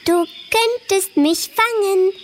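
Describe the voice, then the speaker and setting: A woman's voice: very high voice, takes it slowly, a little hiss or hum, voice pushed up. A woman voicing a small, cheerful, teasing fly in a children's story, encouraging and chirpy. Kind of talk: storybook reading.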